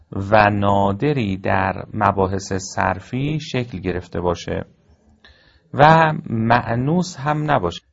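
A man teaching a formal lecture, explaining point by point in a measured way with frequent pauses. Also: on the low side, vocal fry. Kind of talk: recorded classroom lecture. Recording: dull lo-fi recording.

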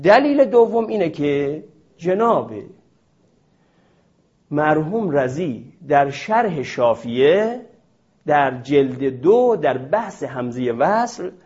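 A male teacher delivers a classroom lecture at a board, walking through a rule step by step. His pitch sits a little high and swings widely as he poses questions to his students. The recording is dull and lo-fi. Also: very animated, darkish tone. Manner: explains step by step with rhetorical questions.

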